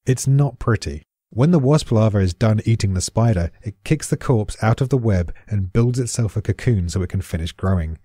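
British guy narrating a podcast, lowish mellow voice, bit husky, darkly amused. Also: expressive, normal speed, no echo, clean studio sound. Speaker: explainer.

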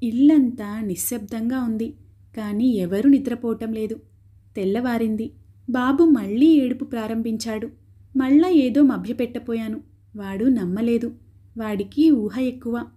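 A woman reading a story aloud as an audiobook, steady and expressive, softly voicing the characters' dialogue. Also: a little high, unhurried.

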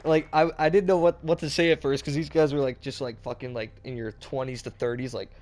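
A man's voice: mid-range voice, steady tone, fairly quick, a little mellow. Congested young man, crude and laughing. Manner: crude, profane, laughing often. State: congested from a cold. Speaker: gamer and channel host. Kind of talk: casual gameplay commentary.

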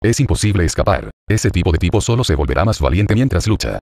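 A man narrating a translated web novel as an audiobook, reading in a steady, even way. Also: low voice, fast talker, gravelly, no echo.

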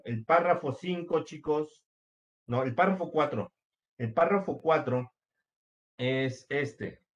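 A man's voice: on the high side, dull audio. A man teaching a computer class, walking students through each step patiently with frequent fillers. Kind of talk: screen-share computer lesson.

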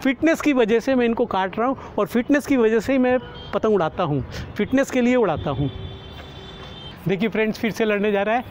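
A middle-aged kite flyer talks to his vlog viewers like friends, casually explaining things in a high, animated, fairly quick voice. He's on an open rooftop with a clip-on lapel mic, and faint city traffic hums in the background.

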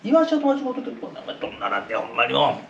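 A hapless, timid husband, as a male storyteller plays him, muttering sheepishly to himself in an Osaka accent. His voice is bright, and the room around him is echoey. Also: mid-range voice, wildly swooping pitch, rapid-fire, gravelly, recorded from a distance, dull audio, slight background noise, pitched below the performer's own voice, heavily acted.

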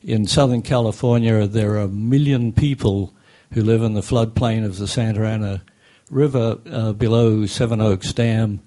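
An older man speaking at a desk microphone in a meeting room, giving a measured, technical public comment with frequent pauses and fillers. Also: on the low side, fairly even intonation, mellow. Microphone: desk microphone on a stand.

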